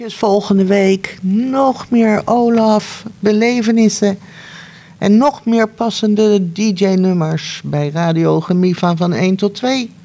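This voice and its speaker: Male radio host, high voice, unhurried. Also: warm tone. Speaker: radio presenter. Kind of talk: radio announcement.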